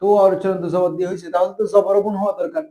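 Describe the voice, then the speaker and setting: A man teaching a classroom grammar lesson. His voice sits high, and he talks quickly, firing rhetorical questions at his students to keep them answering. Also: little pitch movement, warm tone. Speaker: madrasa teacher.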